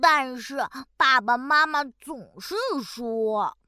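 A woman's voice: high-pitched, slow pace, pushed and bright, clear, resonant tone, no room sound, clean studio sound, full character voice. A woman voicing a cheerful, proud little boy bear cub in a children's storybook, playful and sing-song, with sound effects. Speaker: storybook narrator in character.

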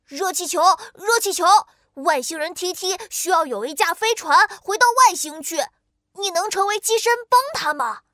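A bright, very high little-girl voice, recorded dry and close. She is an eager young inventor in a children's audio story, curious and clever, speaking in singsong exclamations. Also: expressive, moderate pace, no room sound, heavily acted. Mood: coaxing.

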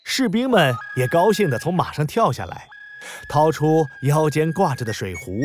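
A man narrating a children's story in an expressive, explanatory way. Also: on the high side, moderate pace, music in the background.

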